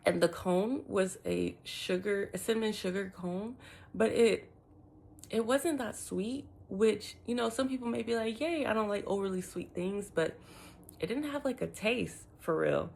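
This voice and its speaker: A woman chatting casually to her vlog viewers in an informal, expressive way, her speech slightly lisped and muffled from wearing retainers. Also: mid-range voice, unhurried, vocal fry. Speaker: lifestyle vlogger.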